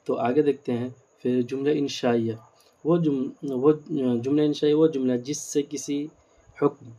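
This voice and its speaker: A man's voice: mid-range voice, steady tone, dark tone. A male teacher giving a grammar lecture, explaining step by step, asking rhetorical questions and mixing in English words.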